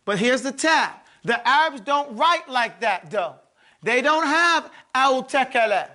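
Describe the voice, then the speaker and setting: A man's voice: very high voice, expressive, unhurried, bright, forceful tone. A man teaching an Arabic grammar lesson in a mosque classroom, quizzing his students and drilling terms by repeating them.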